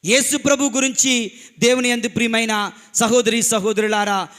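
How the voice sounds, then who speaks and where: Priest, male, very high and bright voice, emphatic preacher who repeats lines and asks the congregation questions in church. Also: steady tone, moderate pace. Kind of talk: Christmas Mass homily. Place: church during Mass.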